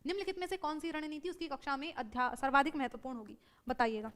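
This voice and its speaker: A woman teaching a live online exam-prep class, brisk and self-correcting, who keeps checking in with her students. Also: high-pitched, a bit bright.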